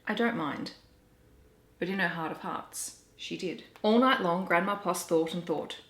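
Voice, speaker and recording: Echoey, lower-pitched Australian woman reading aloud. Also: moderate pace, fairly bright tone. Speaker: children's story reader and book vlogger. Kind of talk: expressive storybook read-aloud. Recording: roomy, echoey home recording.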